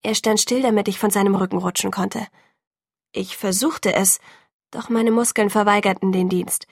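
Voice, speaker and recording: Audiobook narrator, female; calm, measured first-person reading, slightly breathy, dry. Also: mid-range voice, dry recording.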